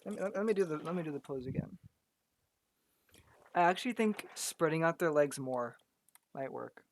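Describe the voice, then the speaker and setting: A man's voice: on the high side, animated, moderate pace. Guy talking thru his art project, kinda losing his voice, keeps repeating words, just chatting. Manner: thinks aloud, stammers and repeats words. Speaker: graphic artist. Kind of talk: casual commentary while working.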